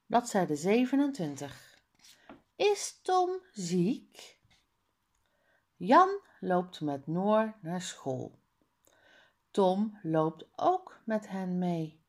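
Very slow, carefully spelling-out woman reader. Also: fairly low pitch, sing-song, a little mellow. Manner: slow, exaggerated word-by-word articulation. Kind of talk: reading a children's book aloud.

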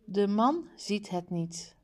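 Woman, reading aloud, word drills, very slow, deliberate. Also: medium pitch, lively intonation, dark tone. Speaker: reader.

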